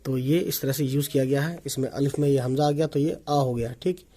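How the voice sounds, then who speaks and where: Calm, mellow-voiced male language teacher. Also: mid-range voice. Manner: patient, repeats words slowly and keeps checking understanding. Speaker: Urdu teacher. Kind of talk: online language lesson. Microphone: omnidirectional desk microphone.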